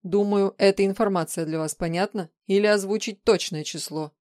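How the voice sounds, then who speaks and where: A woman reading an audiobook, voicing a calm, formal male analyst reporting results. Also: medium pitch, no room sound, clean studio sound, close to an everyday voice. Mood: clinical. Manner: measured, formal.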